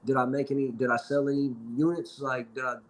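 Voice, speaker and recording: A man's voice: medium pitch, level tone, fairly quick, poor audio. A man in his forties from Seattle, a rapper telling long rambling stories in casual chat, often adding "you know what I'm saying". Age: 40s. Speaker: rapper guest. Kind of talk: casual storytelling.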